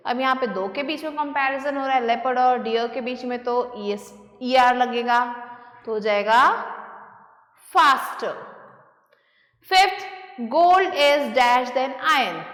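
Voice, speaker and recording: A woman teaching a grammar lesson, with a high voice and a slow, patient delivery. She stretches out the English example sentences as she reads them. The room around her is echoey and rings with a long reverb. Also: fairly bright tone. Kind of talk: grammar lesson explaining and reading exercises.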